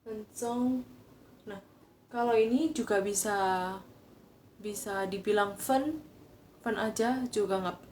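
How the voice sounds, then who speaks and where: A woman's voice: medium pitch, takes it slowly, pauses often, darkish tone. A woman Mandarin teacher from Indonesia giving a casual live online lesson, explaining step by step. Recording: echoey room, faint noise.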